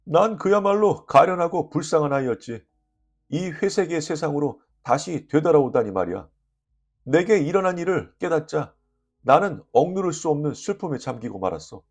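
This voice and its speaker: A man reading a short story aloud as an audiobook narrator, lively and expressive, voicing the dialogue. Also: fairly high pitch, moderate pace.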